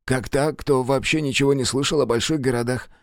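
A man voicing a frightened, whining male captive who pleads in a high, strained voice. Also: fairly even intonation, fairly quick, dry recording, clean studio sound, lightly acted. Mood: nervous.

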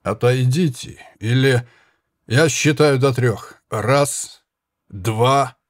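A man's voice: medium pitch, extremely slow, no echo, studio quality. A man voicing a small, stern young Spanish guard who speaks in firm, clipped commands. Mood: cold threat.

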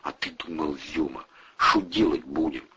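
A man's voice: very deep voice, normal speed, sharp tone, breathy edge, full character voice. A man voicing a coarse, slangy male sidekick who drawls his words, in a dull lo-fi recording. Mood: gruff.

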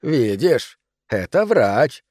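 A man doing a shouting, cranky hypochondriac. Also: mid-range voice, sing-song, dry recording, clean studio sound, heavily acted. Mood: ranting. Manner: shouting, indignant, drawn-out emphasis. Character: cranky hypochondriac middle-aged man in bed.

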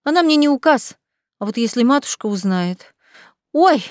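A woman voicing an excitable, chatty young female maid in a storybook reading, breathless and exclaiming. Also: on the high side, brisk, no room sound, studio quality, lightly acted. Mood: eager.

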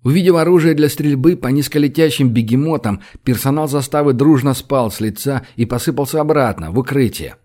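A man narrating an audiobook, lively and acting out the dialogue. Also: mid-range voice, fairly quick, few pauses.

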